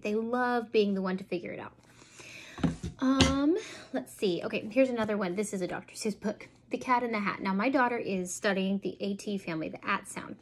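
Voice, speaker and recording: A woman in her thirties, a homeschooling parent, explaining reading techniques and reading picture books aloud slowly with exaggerated inflection. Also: mid-range voice, slight background noise. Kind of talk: home teaching demonstration.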